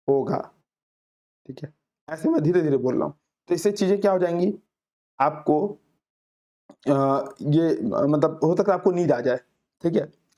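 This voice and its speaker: A man teaching an exam-prep class, explaining answers with homely examples and reading questions out slowly. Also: on the high side, warm tone. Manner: reads English questions out very slowly, then explains with everyday examples. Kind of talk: Hindi lecture solving exam questions.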